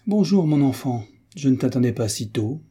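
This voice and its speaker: Audiobook part: blustering, easily cowed old sailor uncle with a dark, husky voice, voiced by a male reader. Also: medium pitch, normal speed, lightly acted. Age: older.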